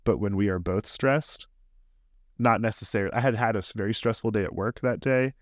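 A man's voice: on the low side, brisk, no room sound, clean studio sound. A man in his thirties, a podcast co-host, telling a candid, rambling story in casual chat.

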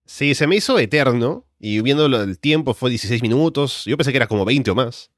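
A man's voice: medium pitch, expressive, brisk, dry recording, studio quality. A man giving a wrestling commentator style play-by-play recap, recounting moves step by step in the present tense. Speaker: podcast co-host recapping wrestling matches.

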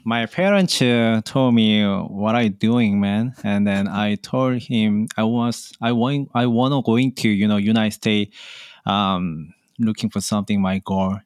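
Low smooth Korean-accented man. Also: no echo, studio quality. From South Korea. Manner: halting, simple phrasing with many fillers. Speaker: podcast guest, online seller. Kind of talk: casual interview chat.

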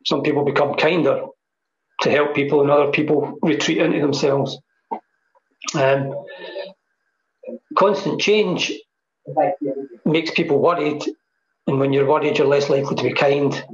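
A man's voice: fairly high pitch, steady tone, normal speed, vocal fry, pauses often. A man speaking as a guest over a video call, talking thoughtfully and repeating phrases for emphasis. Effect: heard over a video call. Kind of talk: reflective interview talk on mindfulness. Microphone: computer mic on a video call. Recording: dull, echoey video call audio.

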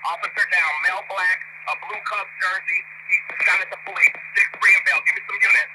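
A man working as a police dispatcher, heard over a tinny police radio transmission, barking urgent, rapid calls. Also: sits high, level tone. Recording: tinny radio audio with loud noise.

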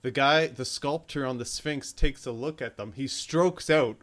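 A man's voice: medium pitch, unhurried, a bit bright. A man co-hosting a casual podcast, laughing often and acting out lines from a film. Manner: laughs often, acts out quotes. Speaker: podcast co-host. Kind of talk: casual movie review chat.

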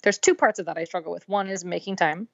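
Woman cohost, low gravelly voice, chatty w lots of ums, dull dry lofi recording. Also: fast talker, no room sound. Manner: chatty, with many "um" and "like" fillers. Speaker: podcast co-host. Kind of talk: casual chat.

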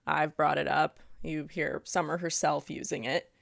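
A woman's voice: deep voice, fairly even intonation, normal speed, gravelly, no room sound, studio quality. A woman hosting an interview, framing thoughtful questions for her guest. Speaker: podcast host.

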